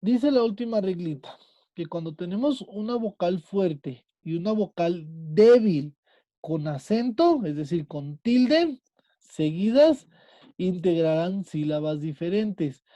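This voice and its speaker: A man teaching an online class, patient, slowing down and stretching words as he explains. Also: sits high, expressive, mellow, no room sound.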